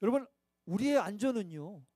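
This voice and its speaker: Korean pastor guy preaching, really high voice for a man, dry close sound, chatty and pokes fun at himself. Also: animated, a little fast, dark tone, dry recording. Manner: conversational, self-mocking, rhetorical questions. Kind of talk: sermon. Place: church midweek worship service.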